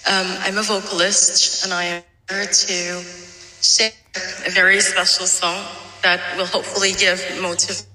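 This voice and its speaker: A woman's voice: mid-range voice, little pitch movement, normal speed, pushed and bright. A woman, a guest vocalist, speaking hesitantly with fillers, her voice run through heavy reverb from her own setup. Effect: heavy reverb from her own audio setup. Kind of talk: casual introduction before a song. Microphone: home audio setup with reverb effect. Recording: big echoey hall-like reverb.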